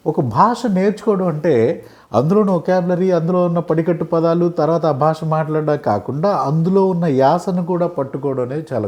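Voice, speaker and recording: A man's voice: fairly high pitch, mellow. A middle-aged man, teaching an English lesson in a classroom style, explaining with examples and often checking that listeners follow.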